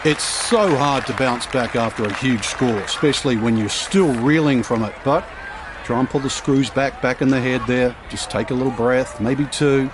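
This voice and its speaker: An encouraging male golf analyst played by a man comments informally in a mid-range voice. Outdoor noise and a crowd are clearly heard around him. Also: mid-range voice, normal speed, close to an everyday voice. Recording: noisy outdoor crowd ambience.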